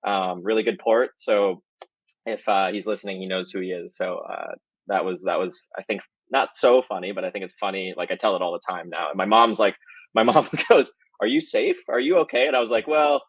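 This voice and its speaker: A man's voice: low voice, a little fast, husky, no echo, low-quality recording. A man, a marketing executive guest, telling a rambling anecdote in casual podcast chat and often correcting himself mid-sentence.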